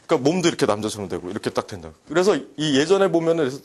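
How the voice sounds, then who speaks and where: A man giving a humorous psychology lecture to a class, animated and joking, often acting out quoted dialogue. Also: a little high, racing. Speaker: university lecturer.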